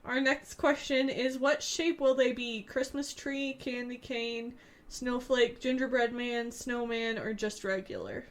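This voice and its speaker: Joining a podcast remotely through old headphones, this young woman co-host keeps the chat casual, relaxed and giggly. Her slightly scratchy voice sits on the high side, with fairly even intonation and an unhurried pace.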